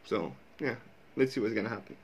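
His voice is on the low side, animated and a little fast, with background noise in the mix. The man, in his thirties and a native Arabic speaker with an Arabic accent, rambles loosely and swears casually in a reaction video, speaking into a wired earphone mic in a small room with a sheet hung behind him.

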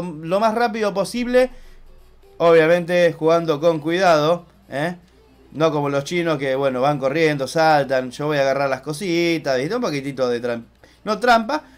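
A young man with an Argentine accent hosting a casual let's-play, chatty and excitable, swearing loudly when he fails. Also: a little high, clear, resonant tone. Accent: Argentine Spanish. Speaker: gaming channel host.

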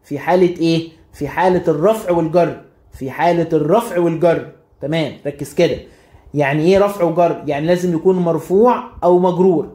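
Fast-talking Egyptian man teaching grammar. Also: fairly high pitch, dark tone, echoey room. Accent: Egyptian Arabic. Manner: quizzes himself and repeats rules. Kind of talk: classroom explanation.

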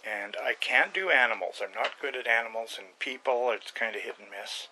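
Older man, bright voice, halting ramble. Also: mid-range voice, a little hiss or hum, low-quality recording. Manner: rambling, halting, with many uhs and restarts. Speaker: hobby carver and channel host. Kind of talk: casual home video show-and-tell. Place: small room at home with shelves of model trucks. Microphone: webcam close to the face.

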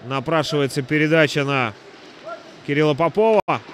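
A man's voice: fairly high pitch, moderate pace, background noise. A man giving play-by-play commentary on an ice hockey game.

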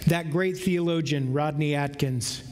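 A middle-aged man preaching a sermon from a church stage, slow and emphatic with drawn-out pauses. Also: fairly high pitch. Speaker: pastor. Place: large church sanctuary with stage. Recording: long hall reverb, faint room noise.

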